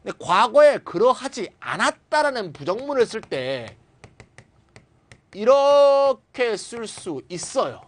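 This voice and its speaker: A man's voice: extremely high pitch, slow. A middle-aged man giving a recorded grammar lecture who checks with his students and acts out short everyday lines. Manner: lively, switches between formal and casual speech, often asks students to confirm.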